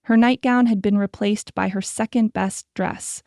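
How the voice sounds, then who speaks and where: A woman narrating a historical romance audiobook in a measured, descriptive way, close to the mic. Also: mid-range voice, fairly even intonation, a little mellow, no room sound. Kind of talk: scripted narration.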